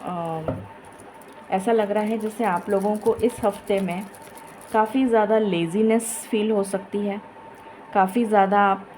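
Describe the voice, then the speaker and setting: A woman giving a tarot reading in a slow, effortful way, tired and with a dry throat. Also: mid-range voice, steady tone, dark tone, slight background noise, rough recording. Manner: slow, tired, effortful Hindi-English mix with many pauses. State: low energy, dry throat. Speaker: tarot reader. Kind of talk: casual tarot reading to camera.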